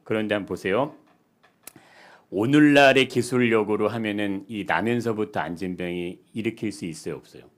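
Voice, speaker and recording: Man, pastor, sermon, lowish voice, rhetorical questions, soft then loud. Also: normal speed.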